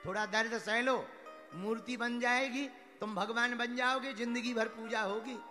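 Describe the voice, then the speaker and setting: A man's voice: extremely high pitch, fairly even intonation, a little slow, sharp tone, exaggerated voice. A man voicing a blunt, practical male sculptor inside a parable, coaxing and firm. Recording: echoey hall with faint music.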